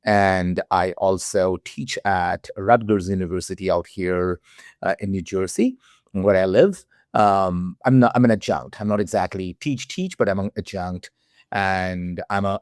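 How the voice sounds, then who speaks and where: A man, a guest in an interview, talking haltingly with many fillers and restarts. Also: sits low, darkish tone, dry recording, clean studio sound. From India. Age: 40s. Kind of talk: interview conversation.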